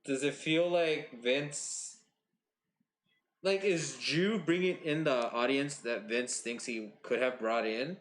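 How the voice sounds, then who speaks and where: A man's voice: medium pitch, slow pace. A man co-hosting a podcast in casual chat, rambling with lots of "like" and swearing casually. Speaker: podcast co-host.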